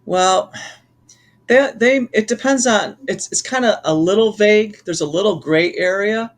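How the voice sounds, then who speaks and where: A man co-hosting a casual podcast, explaining insurance with halting restarts. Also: sits high. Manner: hesitant, restarts while explaining. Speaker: insurance professional co-host. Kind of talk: casual chat.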